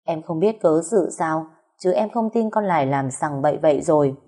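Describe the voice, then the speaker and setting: A woman voicing a calm, measured older mother-in-law in an audio story. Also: deep voice.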